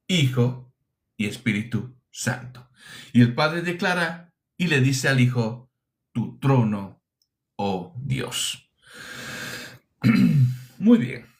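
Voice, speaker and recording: A man from preaching a teaching sermon, emphatic, asking rhetorical questions and repeating his phrases. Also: mid-range voice.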